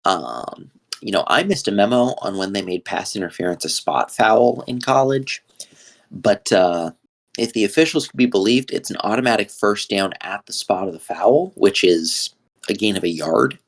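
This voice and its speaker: Low-voiced man calling a football game. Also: normal speed, gravelly. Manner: steady, conversational calls with frequent fillers. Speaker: play-by-play commentator. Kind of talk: sports play-by-play commentary.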